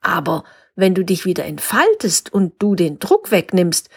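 A woman voicing a kind, clever young girl who explains things gently in a storybook tale. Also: fairly low pitch, big pitch swings, moderate pace, breathy edge, exaggerated voice. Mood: gentle explaining.

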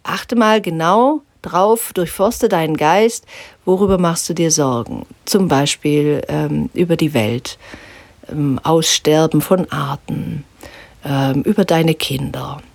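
Calm woman guiding a spiritual exercise. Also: deep voice, takes it slowly, vocal fry, dry recording. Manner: calm, gently instructive, drops into soft whispers. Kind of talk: guided spiritual lesson.

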